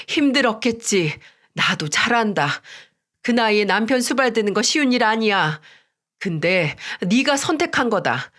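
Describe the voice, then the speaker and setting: A woman's voice: medium pitch, a bit bright, lightly acted. A woman voicing an angry older mother-in-law who sternly scolds her daughter-in-law in a radio story drama.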